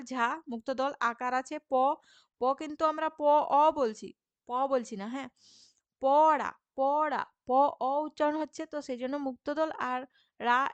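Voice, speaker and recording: A woman teacher patiently explaining a textbook lesson, checking in often and sounding out syllables slowly. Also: high voice, fairly bright tone, no room sound. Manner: patient, checks understanding with frequent "okay?".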